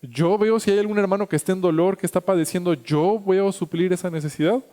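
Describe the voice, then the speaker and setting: A high-pitched man preaching a Sunday sermon in a church. His voice rings with a long hall reverb, and it lifts and grows louder at the emphatic points. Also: a little fast. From Mexico. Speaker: pastor. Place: church sanctuary.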